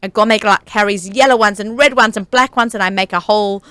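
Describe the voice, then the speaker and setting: A woman's voice: mid-range voice, quick pace, fairly bright tone, clean tone, no room sound. A woman hosting a cooking talk show on the radio, chatting casually and laughing often.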